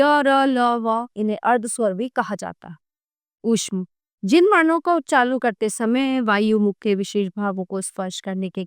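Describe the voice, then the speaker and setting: High, clear woman teaching a lesson. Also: no echo, studio quality. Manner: spells out sounds and example words one by one. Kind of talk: read-aloud grammar lesson.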